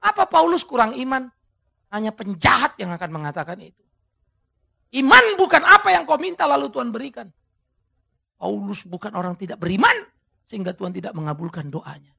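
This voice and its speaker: Male pastor preaching, kinda high husky voice, big swoopy delivery, yells out the key lines. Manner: dramatic preaching with sudden shouted emphases; addresses the congregation directly. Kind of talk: sermon.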